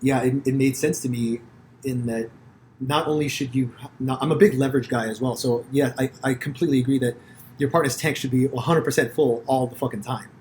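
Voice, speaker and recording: A man from the United States hosting a podcast, telling stories in a rambling, profane, animated way with many restarts. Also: mid-range voice, fairly quick, slight background noise. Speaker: podcast host. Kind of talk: casual conversation.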